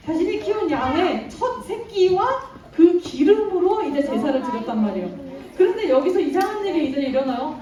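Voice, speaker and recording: High-voiced woman telling a Bible story to children. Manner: asks the children questions and praises answers, laughs often. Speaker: children's Sunday school teacher. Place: church room with children. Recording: echoey room from far off.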